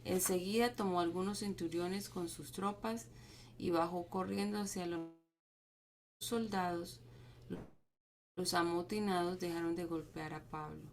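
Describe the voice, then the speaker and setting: A woman reading scripture aloud to a group, steady but with small stumbles and restarts. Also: lowish voice, unhurried, a little hiss or hum. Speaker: Bible reading leader.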